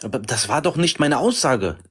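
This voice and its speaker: A man defending his faith in a heated online group debate, insistent and quick to interrupt. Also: mid-range voice, big pitch swings, a bit bright, slightly rough. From Germany.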